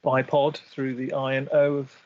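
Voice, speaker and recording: A man's voice: mid-range voice, monotone, moderate pace, dull audio. A man giving live game commentary, chatty and analytical as he breaks down each move.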